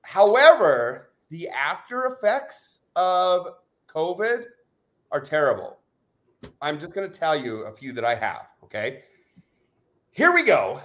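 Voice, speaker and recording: Male livestream host, upbeat and joking, lively high voice, just over covid. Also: unhurried, pauses often. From Utah. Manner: exuberant, whoops and shouts, jokey. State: recovering from covid. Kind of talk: casual live chat.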